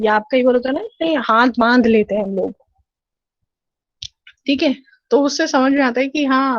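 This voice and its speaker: Higher-voiced woman lecturing over slides. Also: dry recording. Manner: explanatory, frequent 'theek hai' check-ins. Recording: dull, lo-fi and dry.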